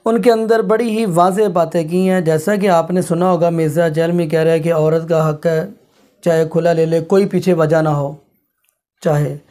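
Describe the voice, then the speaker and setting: A man's voice: on the high side, fairly even intonation, mellow. A male channel host speaking to viewers in a formal way as he comments on a clip and cites hadith numbers.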